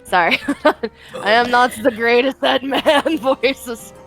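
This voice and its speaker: A woman narrating a tabletop role-playing game as game master in a casual, halting way. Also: on the high side, fairly bright tone, soft background music, poor audio.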